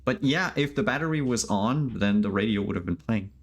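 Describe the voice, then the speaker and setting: A man narrating a tabletop role-playing game as game master, thinking aloud in a halting way. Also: on the low side, animated.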